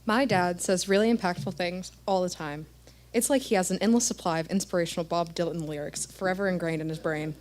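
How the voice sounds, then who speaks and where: A woman's voice: fairly low pitch, fairly even intonation, fairly quick, a little mellow. A woman giving an admiring, thoughtful monologue on stage.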